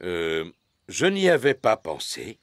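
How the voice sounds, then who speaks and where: Bumbling daddy pig, wildly swooping. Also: male voice, sits low, huge pitch swings, slow pace, heavily acted. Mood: easygoing. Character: jovial, bumbling daddy pig, always hungry. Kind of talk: preschool cartoon dub.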